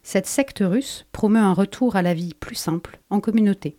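French woman reading a mellow radio column. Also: mid-range voice, normal speed.

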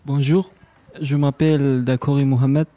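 A young man from Syria speaks slowly in a flat, mellow voice, pausing as he introduces himself in simple phrases. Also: mid-range voice. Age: young adult. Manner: slow and halting. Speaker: student.

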